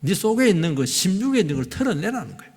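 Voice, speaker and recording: A middle-aged man preaching a Sunday sermon as a pastor, animated and acting out quoted dialogue. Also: high voice, fast talker, slightly rough. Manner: animated, acts out quoted dialogue in shifting voices. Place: church sanctuary. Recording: long reverb of a church hall.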